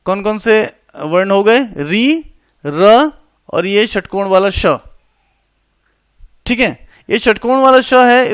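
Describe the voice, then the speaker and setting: A man with a high, clean voice teaches a grammar lesson for exam prep, walking through each rule step by step, repeating it, and checking that his students keep up. He mixes English words into his Hindi. The recording is clean studio sound with no echo.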